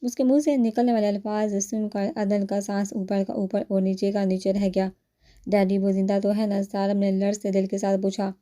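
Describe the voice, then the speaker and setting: A woman narrates a romance novel aloud in a steady storytelling manner. Her voice is deep-toned and mellow, with no brightness at all, set at an ordinary middle pitch. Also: few pauses. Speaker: novel reader.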